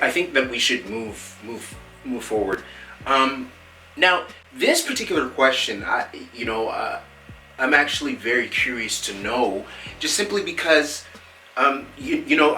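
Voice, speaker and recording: A man's voice: mid-range voice, expressive, a little slow, pushed and bright, far from the mic, faint music behind. A man playing a prim, stammering interviewer. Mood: earnest. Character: prim earnest male interviewer, flustered and stammering. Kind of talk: comedy sketch. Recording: roomy sound from off the mic.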